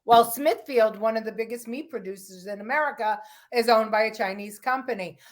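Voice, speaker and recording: A woman's voice: on the high side, brisk. A woman co-hosting a political talk show, talking in an emphatic, opinionated way with frequent restarts. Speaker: podcast host.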